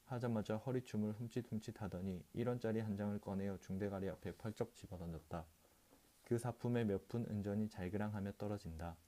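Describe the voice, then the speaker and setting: A man narrating a classic short story as an audiobook, reading calmly and steadily. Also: on the low side, brisk. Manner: calm, steady reading with occasional restarts. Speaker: audiobook reader.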